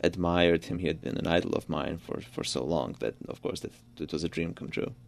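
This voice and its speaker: Being interviewed on radio, the Georgian-born pianist and composer, a young man whose mother tongue is Georgian, replies with care and keeps restarting his sentences. His voice sits low and brisk with vocal fry, and there's a little hiss or hum.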